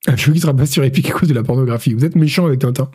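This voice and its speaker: A man hosts a casual gaming news stream with a hoarse, worn voice. His tone is dark and mellow. He rambles and jokes, stumbling over fillers and restarts. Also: medium pitch, rapid-fire. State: hoarse from illness. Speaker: host of a gaming news show.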